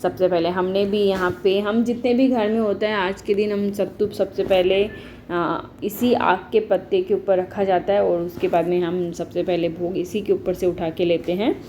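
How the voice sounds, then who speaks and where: Soft-voiced woman narrating her family vlog. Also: medium pitch, flat delivery, normal speed, a little hiss or hum. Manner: homely, explaining each ritual step by step. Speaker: vlogger. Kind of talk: casual voice-over narration of a family festival vlog.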